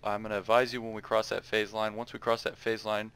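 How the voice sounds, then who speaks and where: A man's voice: fairly low pitch, completely flat delivery, a little fast, a bit bright, clean tone. A man acting as radio operator in a military simulation game, mixing procedural calls with casual chat, his phrasing somewhat hesitant.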